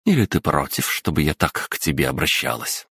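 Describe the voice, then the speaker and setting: A man's voice: extremely low pitch, very animated, a little fast, gravelly, a bit bright, breathy edge, no echo, studio quality, full character voice. A man reading an audiobook voices a playful schoolgirl who talks in a sly, teasing way.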